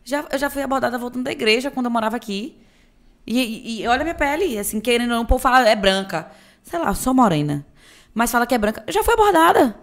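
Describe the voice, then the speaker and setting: Brazilian woman talking fast and casual, bit high voice, chatty, keeps jumping in. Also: animated. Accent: Brazilian Portuguese. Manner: quick, chatty, informal, frequent interjections. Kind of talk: casual opinion chat.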